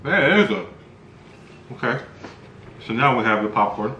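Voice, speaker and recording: A middle-aged man giving a casual, halting, low-key food review as he tastes, recorded at a table indoors. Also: animated. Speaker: spicy food review host. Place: small bright room indoors. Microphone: camera mic across a table. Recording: echoey room, faint background noise.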